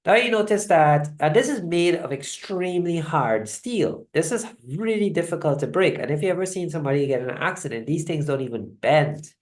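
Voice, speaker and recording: A woman from Guyana hosts a live online wellness session, talking in a conversational, halting way and often checking in with "right?". Her voice sits low with a darkish tone, picked up by a video call mic.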